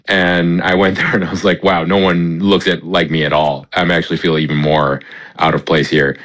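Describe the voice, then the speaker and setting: Deep-voiced New man. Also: fairly bright tone. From United States. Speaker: guest, chef. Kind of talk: interview answers.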